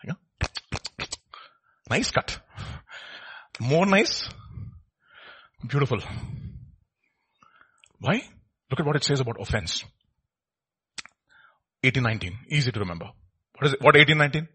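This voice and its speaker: Husky, animated Indian man preaching. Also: mid-range voice, measured pace, long pauses. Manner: repeats short phrases and asks rhetorical questions. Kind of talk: informal expository sermon with questions to listeners.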